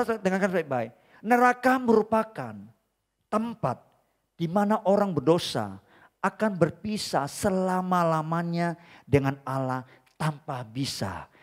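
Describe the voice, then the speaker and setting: At a church service, a high-voiced male pastor preaches an emphatic sermon, swinging from loud bursts to quiet asides. He calls out to the congregation often, addressing them again and again as brothers and sisters.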